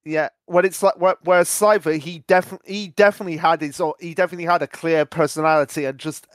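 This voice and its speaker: A man's voice: a little high, steady tone, fast talker, no echo. A man co-hosting a fan podcast, talking eagerly in casual chat. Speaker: podcast co-host.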